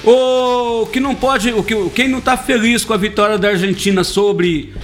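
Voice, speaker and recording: Man, high voice, sports commentator from Brazil, joking and animated, faint music underneath. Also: normal speed. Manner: joking, animated, teasing co-hosts. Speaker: sports commentator on a radio show. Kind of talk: casual sports talk.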